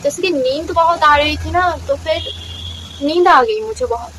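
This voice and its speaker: Excitable high-voiced young woman storyteller. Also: normal speed, a little hiss or hum, low-quality recording. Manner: excitable, mixes English words into Hindi. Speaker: storytime vlogger. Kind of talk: casual storytelling.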